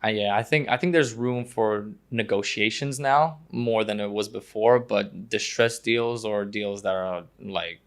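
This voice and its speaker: A man's voice: on the low side, unhurried, hardly any pauses. A man from Croatia, a guest on a podcast, talking casually and hesitantly with many fillers and restarts. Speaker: guest, prospective investor.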